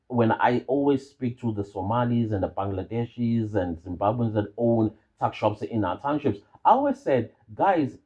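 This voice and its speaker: A man's voice: mid-range voice, highs cut off. A man with a South African accent giving informal, opinionated commentary as a channel host, emphatic and repeating phrases for stress.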